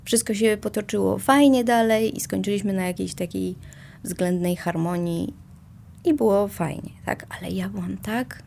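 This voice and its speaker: A woman's voice: on the low side, vocal fry, darkish tone, slight background noise. A woman in casual conversation, talking reflectively and self-mockingly, with many hesitations and small laughs.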